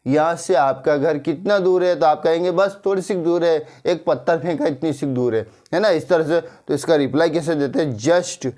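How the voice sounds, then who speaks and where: A man teaching spoken English in a lesson, switching between Hindi and English and slowly repeating English phrases with an Indian accent. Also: on the high side, a little mellow.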